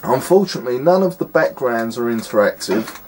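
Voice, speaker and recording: Man, mid pitch, scornful running commentary over gameplay, noisy take with clicks. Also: lively intonation, fairly quick, a little mellow. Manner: exasperated, scornful, rambling with fillers. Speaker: retro game reviewer.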